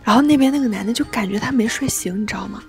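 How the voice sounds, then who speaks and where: A young woman in her twenties co-hosting a casual chat podcast. She tells stories with energy and acts out the people in them. Her voice sits a little high. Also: rapid-fire, darkish tone, faint music behind. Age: 20s. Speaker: podcast co-host.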